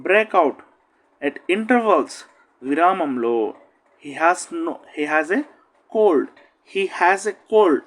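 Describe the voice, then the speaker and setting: Male teacher voice for slow phrase drills, very unhurried delivery, lively rise and fall, English lifted and stressed, translation dropped low and quick.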